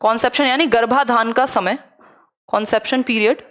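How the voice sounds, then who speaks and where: A young woman with a Hindi accent leads a live online exam-prep lesson. Her voice sits a little high, and she keeps asking rhetorical questions while mixing English terms into her explanations. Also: steady tone, normal speed, a bit bright. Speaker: teacher.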